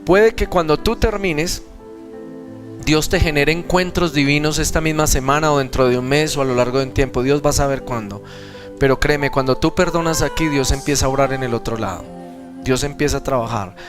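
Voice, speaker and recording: A man's voice: fairly high pitch, brisk, music in the background. A young man with a Colombian Spanish accent preaching at a seminar, telling a personal testimony and acting out the voices in it. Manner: earnest storytelling, acts out dialogue in other voices. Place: seminar hall.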